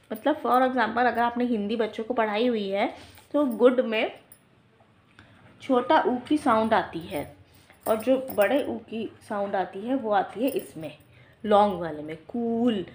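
A woman teacher explaining a phonics lesson to other teachers, stretching words out to demonstrate long and short vowel sounds in a patient, explanatory way. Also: on the high side.

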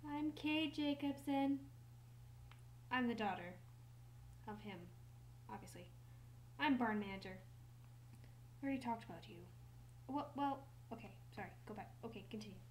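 A woman's voice: on the high side, moderate pace, long pauses, a little hiss or hum, natural voice. A teenage girl voicing a young woman who is barn manager and the owner's daughter in a doll video, speaking awkwardly and apologetically. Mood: flustered. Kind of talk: doll video role-play.

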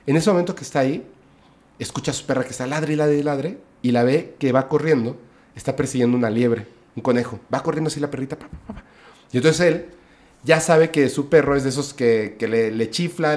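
Chatty male podcast guest telling a story. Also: medium pitch. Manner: lively retelling, with "o sea" and "¿no?" tags. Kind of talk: storytelling in a casual chat.

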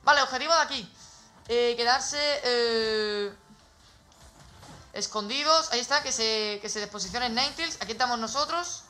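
A man with a Spain Spanish accent streams himself playing, his voice sitting unusually high and sounding bright and sharp. He talks fast and excitably and often bursts into shouts and laughs. Soft music plays quietly behind him. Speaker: gaming streamer. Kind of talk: live gameplay commentary.

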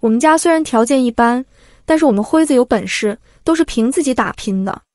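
A woman voicing a shrill, vulgar middle-aged mother who shrieks insults and wails theatrically. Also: expressive, a little fast, darkish tone, no room sound, clean studio sound, close to an everyday voice. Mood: spiteful. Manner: shrieking abuse, theatrical wailing.

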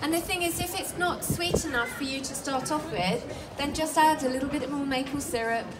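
A woman's voice: high voice, a little fast. An English woman and nutritionist giving a live cooking demonstration at an outdoor festival stall, chatty and explanatory with many ums and restarts. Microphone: filmed from the crowd by a far camera. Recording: distant voice through PA with outdoor noise.

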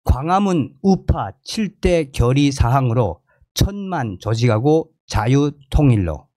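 An older man presenting live political commentary and reading posts aloud to viewers in a deliberate way, indoors at a desk microphone. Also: mid-range voice, big pitch swings, mellow, no room sound, studio quality. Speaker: streamer, commentator. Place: small indoor room with curtain.

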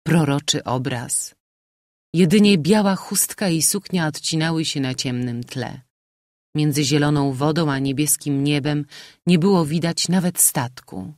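A man reading a novel aloud as an audiobook narrator, in a measured, expressive manner. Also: fairly high pitch, no room sound, studio quality.

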